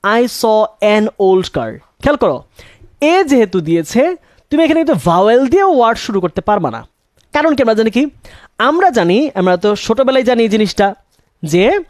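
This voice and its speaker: A man's voice: extremely high pitch, no echo, studio quality. A young man teaching English grammar, asking questions and answering them himself and repeating key words. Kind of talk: classroom-style grammar lesson.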